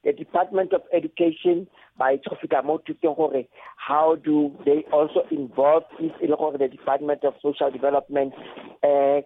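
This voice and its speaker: A man's voice: on the high side, fairly even intonation, no room sound. Hesitant South African Setswana man, phone-like sound. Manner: hesitant, frequent pauses. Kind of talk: radio discussion, mixing languages. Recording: narrow phone-like line.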